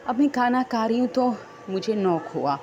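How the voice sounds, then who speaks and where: A woman's voice: fairly high pitch, lively intonation, a little mellow, slight background noise. A woman telling her own horror story in a rambling, unscripted, conversational way.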